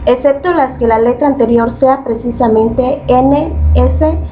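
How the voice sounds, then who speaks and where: A woman's voice: sits high, measured pace. Woman reading a lesson over a tinny line. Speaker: student presenter. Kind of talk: reading a grammar lesson aloud. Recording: tinny phone-like recording with faint noise.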